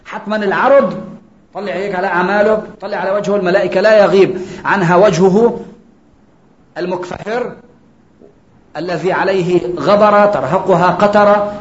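High-voiced preacher. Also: male voice, slight background noise. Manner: explanatory, slows for quotations. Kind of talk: sermon. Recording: echoey dull lo-fi recording.

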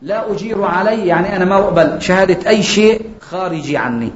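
A man preaching a sermon, explaining each point and slowing down for quotations. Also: sits high. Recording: echoey dull lo-fi recording.

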